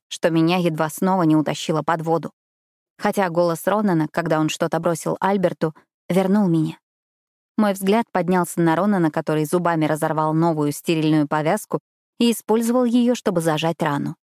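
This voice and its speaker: A woman reading a novel aloud in the first person, with steady, measured storytelling. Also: on the low side, dry recording, clean studio sound. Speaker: audiobook narrator. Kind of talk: first-person scripted narration.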